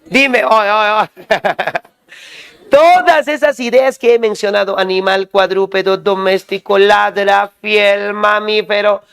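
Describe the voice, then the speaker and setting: A male teacher drilling students with quick questions and repeated call-and-response prompts. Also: high voice, steady tone, fairly bright tone, clear, resonant tone. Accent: Peruvian Spanish. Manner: quizzing, repetitive call-and-response.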